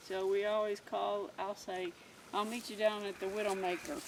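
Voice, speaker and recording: A woman's voice: mid-range voice, level tone, moderate pace. A middle-aged woman with a Southern US accent chatting casually and playfully as she explores the woods for a vlog. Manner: playful, teasing. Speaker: outdoor vlog co-host. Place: outdoors in woods. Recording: noisy outdoor field recording.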